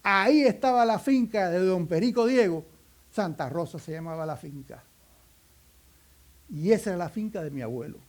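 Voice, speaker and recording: A Cuban man delivers a sermon in a folksy storytelling style, slipping in humorous asides. His voice sits on the higher side for a man. He keeps a conversational, anecdotal manner throughout. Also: lively intonation, normal speed. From Cuba. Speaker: preacher.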